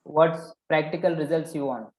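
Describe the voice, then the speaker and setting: A man's voice: a little high, steady tone, normal speed, a little mellow. Guy coaching an online class, asks stuff and says it back, echoey room. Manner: probing, repeats participants' answers back. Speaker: workshop coach. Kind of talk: live online coaching session. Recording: roomy echo.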